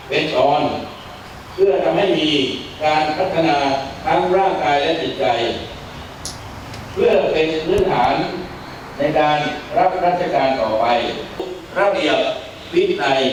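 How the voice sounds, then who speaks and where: A middle-aged man, a military officer, delivering a formal ceremonial speech phrase by phrase in a measured way. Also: a little high. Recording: very echoey, distant mic, noisy.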